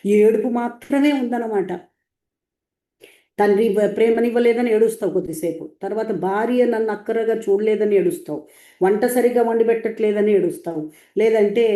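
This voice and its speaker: A woman's voice: mid-range voice, dark tone, echoey room. A woman translating and explaining spiritual teachings, speaking in a repetitive, emphatic lecturing way.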